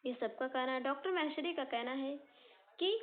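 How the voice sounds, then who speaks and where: Woman coaching teacher, high voice, earnest informal explainer, tinny phone-like recording. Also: normal speed. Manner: earnest, repeats and rephrases points, speaks directly to students. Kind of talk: informal exam-results explainer.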